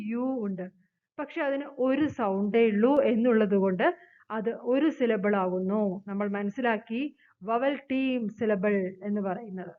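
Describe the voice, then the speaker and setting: A woman with a Malayali accent teaching an English grammar lesson, reading the English rules slowly and explaining them at length. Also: on the high side. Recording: phone-like narrow sound.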